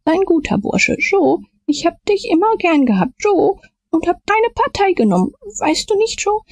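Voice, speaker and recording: A woman's voice: high voice, big pitch swings, moderate pace, gravelly, warm tone, dry recording, voice pushed up, heavily acted. A woman voicing a frightened drunken male vagabond who begs in a shaking voice. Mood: pleading. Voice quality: trembling.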